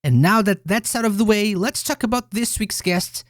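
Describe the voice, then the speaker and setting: A man's voice: sits high, normal speed, no echo, studio quality. A man hosting a podcast, reading a scripted intro and then chatting with a guest in an upbeat way. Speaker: podcast host. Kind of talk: scripted intro then casual interview chat.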